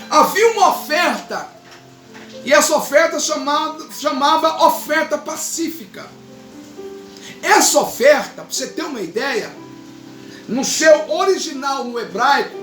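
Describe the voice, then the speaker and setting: A high-voiced woman preaches with fervent, shouted emphasis. She is heard from some distance in a roomy, echoing space, with faint guitar playing under her words. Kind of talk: sermon. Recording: echoey, far from the mic, faint guitar behind.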